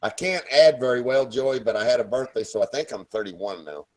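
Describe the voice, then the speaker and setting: A man joking evasively and deadpan in a casual group voice chat. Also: mid-range voice, a little fast, rough recording.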